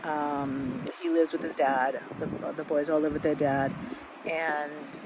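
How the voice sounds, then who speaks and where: A middle-aged woman speaking candidly in a halting, reflective personal monologue, with many fillers and restarts. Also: low voice, flat delivery, noisy background. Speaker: podcast host.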